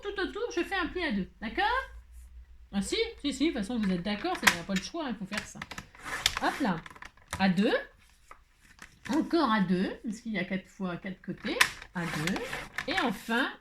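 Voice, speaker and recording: A middle-aged woman hosting a chatty crafting tutorial, talking loudly and joking with her viewers as she works. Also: a little high, slight background noise. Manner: loud, playful, talks to viewers, jokes.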